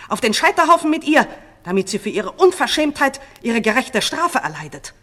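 A woman voicing a spiteful false queen, a scheming witch, in a shrill shouting manner for a storybook reading. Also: big pitch swings, normal speed. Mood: accusing.

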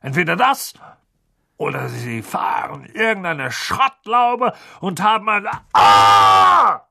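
A male audiobook reader voicing a blustering, irritable middle-aged uncle with a gravelly, shouting manner. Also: mid-range voice, expressive, a little slow, heavily acted. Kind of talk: audiobook character voice.

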